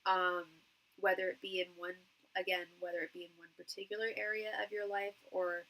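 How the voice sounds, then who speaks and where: A woman with a fairly low but very bright, forward voice and a nasal tone. She works through a tarot reading as a psychic medium, addressing one person directly. Her phrasing is halting, with repeated words as she feels her way to each point. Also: little pitch movement, low-quality recording. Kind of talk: live tarot reading, speaking intimately to one client.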